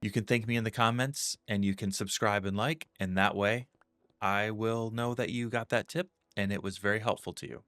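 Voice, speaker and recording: A man's voice: fairly low pitch, steady tone, normal speed, fairly bright tone, no echo. A man giving casual gameplay commentary, chatty and self-mocking, with jokey asides to his viewers. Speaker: gaming YouTuber.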